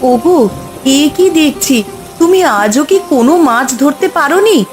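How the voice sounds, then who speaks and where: A woman's voice: high voice, expressive, normal speed, over music. A woman voicing an anxious wife of a poor fisherman. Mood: worried. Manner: worried, pleading.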